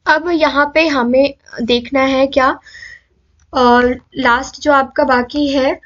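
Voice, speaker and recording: High-voiced woman teaching Hindi grammar. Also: fairly even intonation, a bit bright, lo-fi sound. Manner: asks rhetorical questions and answers them herself; sounds out letters slowly for students to repeat. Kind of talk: exam-prep video lesson.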